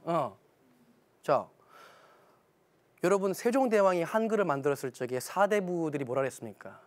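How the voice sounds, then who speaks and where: A man's voice: on the high side, animated, normal speed. A man giving a televised lecture on parenting, telling stories animatedly and acting out quoted dialogue.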